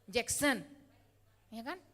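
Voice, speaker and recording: A woman's voice: a little high, animated, takes it slowly, bright, forceful tone. A woman preacher giving a chatty, teasing sermon, often asking the congregation for replies. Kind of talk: lively sermon. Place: church hall. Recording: hall reverb.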